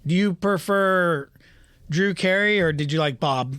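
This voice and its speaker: A man's voice: sits high, unhurried, a bit bright, clean tone, no echo. A man in his thirties co-hosting a casual podcast, laughing often and swearing while bantering over a ranked list. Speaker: podcast co-host. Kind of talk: casual chat.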